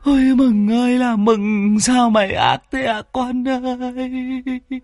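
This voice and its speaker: A man's voice: extremely high pitch, fairly even intonation, slow pace, darkish tone, no room sound, clean studio sound, pitched above the performer's own voice, heavily acted. A man voicing a grieving old woman who wails and sobs over her lost grandchild in an audio story. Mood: wailing grief. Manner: wailing, sobbing lament.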